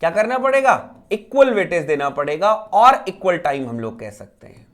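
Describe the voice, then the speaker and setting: A man's voice: high voice, sing-song, normal speed, fairly bright tone. A man teaching an exam preparation lecture, asking himself rhetorical questions and repeating key phrases to drive each point home.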